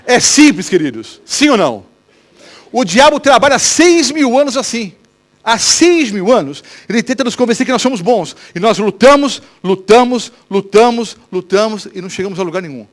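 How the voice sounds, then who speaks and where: Male Brazilian pastor, animated sermon, higher voice that swoops a lot, keeps quizzing the congregation. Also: normal speed. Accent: Brazilian Portuguese. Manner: animated, asks the congregation rhetorical questions. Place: church.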